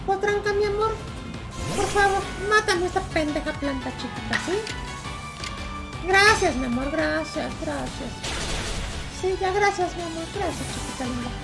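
Woman doing a squeaky doting pet-talk voice. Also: lively intonation, measured pace, over music, exaggerated voice. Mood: cooing. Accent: Mexican. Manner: sing-song baby talk, very high.

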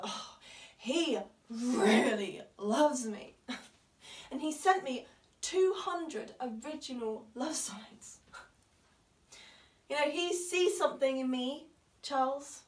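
A woman auditioning as a wife facing divorce who mocks her husband, sarcastic and laughing through tears, recorded from a distance in a roomy space. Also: sits high. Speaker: drama school auditionee. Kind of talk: audition monologue. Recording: roomy, from far off.

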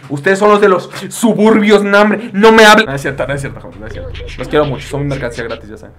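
A man with a Mexican accent narrates a video game in playful let's play commentary, chatting to viewers and breaking into loud, excited yelps. His voice sits somewhat high. A faint ambient hum runs under it. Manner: playful, joking, loud outbursts, addresses viewers. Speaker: gamer.

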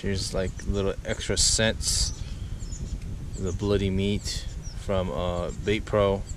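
Narrating his fishing vlog by a lake in a park, this low-voiced, middle-aged Southern Californian keeps things laid-back and chatty, breaking into excitement at catches. The action camera's mic picks up clear background noise outdoors.

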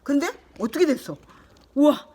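An older woman, a grandmother, reading a picture book to her grandchild, lively and chatty with little asides. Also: high-pitched, moderate pace. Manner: animated, shifting into character voices and asides.

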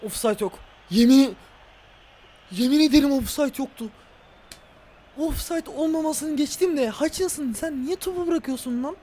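A man playing a football video game and reacting out loud, groaning and shouting at the referee and his players. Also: extremely high pitch, normal speed. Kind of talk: casual let's-play reaction.

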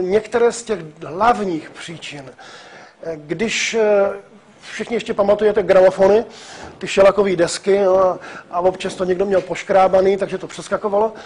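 Animated older man lecturing, high husky voice. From Czech Republic. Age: 60s. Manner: animated, emphatic, with hesitations and restarts. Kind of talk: public lecture. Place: lecture hall.

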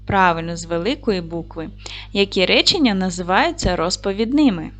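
A woman's voice: mid-range voice, lively intonation, normal speed, a bit bright, soft background music. A woman teaching a recorded lesson to young children. She is patient and encouraging, asks questions, and answers them herself. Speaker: primary school teacher.

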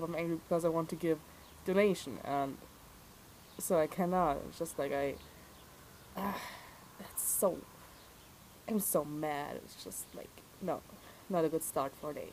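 Candid low-voiced woman vlogging outdoors. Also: unhurried, pauses often, a little mellow, slight background noise, low-quality recording. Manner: candid, outspoken, swears freely. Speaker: pilgrim vlogger. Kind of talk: casual vlog talk.

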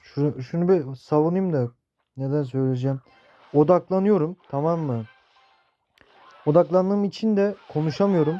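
Profane young gamer with a dull, lo-fi sound. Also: male voice, fairly high pitch, moderate pace, long pauses. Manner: profane, excitable outbursts while playing. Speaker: mobile gaming youtuber. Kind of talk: gameplay commentary.

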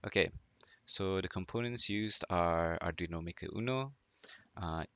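A man's voice: deep voice, measured pace, fairly bright tone, no echo, highs cut off. A young man from Malaysia presenting a student class project, hesitant and apologetic with many fillers. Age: young adult. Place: home desk, indoors.

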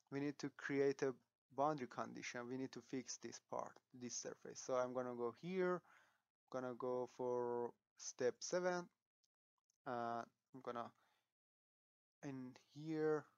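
A man walks through a software tutorial, pausing on fillers and restarting sentences as he thinks aloud. His voice is smooth and mid-pitched. It is recorded dry and a little dull. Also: no echo.

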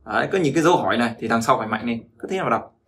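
A man's voice: mid-range voice, animated, very fast, a bit bright. A man teaching Chinese pronunciation, repeating words after a recording and explaining them. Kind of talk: pronunciation lesson.

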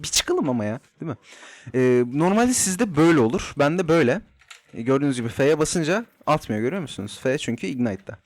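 Young male gamer, casual running commentary, self-talk and teasing, home desk mic. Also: mid-range voice. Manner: chatty, talks to himself, teasing opponents. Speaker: gaming YouTuber. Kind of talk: live gameplay commentary.

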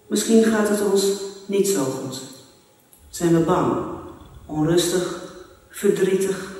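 A man leading a church prayer and reading scripture aloud in a slow, measured, solemn way. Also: high-pitched, warm tone. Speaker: worship leader reading scripture. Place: large church. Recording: echoey church hall, mic far off.

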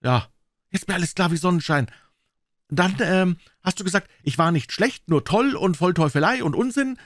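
Brief: a fervent old aunt in a storybook reading, very high voice, dry sound. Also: male voice, animated, moderate pace, dry recording. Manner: fervent, exclaiming, invoking God. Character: pious, emotional elderly aunt.

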